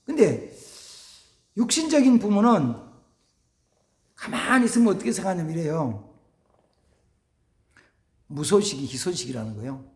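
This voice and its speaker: A man preaching a sermon as pastor, animated, acting out family dialogues and dropping to near-whispers for emphasis. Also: high-pitched, roomy sound. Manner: animated, acts out family dialogues in shifting voices. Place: church sanctuary.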